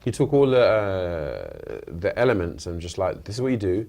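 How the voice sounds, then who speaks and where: UK rapper guest, deep voice, rambling and reflective, relaxed studio chat. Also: male voice, normal speed, creaky. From United Kingdom. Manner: thoughtful, rambling with restarts. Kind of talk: casual interview chat. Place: radio studio.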